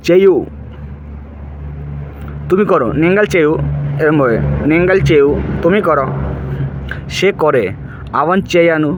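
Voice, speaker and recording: A man's voice: medium pitch, fairly bright tone, dull audio, a little hiss or hum. A man giving a casual spoken language lesson, repeating each word and often checking with "right?". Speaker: language teacher.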